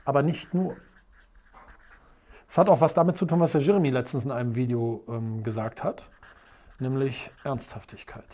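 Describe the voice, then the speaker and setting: Teaching at a whiteboard for a motivational video, the coach speaks in a mid-range voice at a moderate pace, leaving long pauses. Delivery is emphatic, with repeated rhetorical questions and vivid, dramatic storytelling.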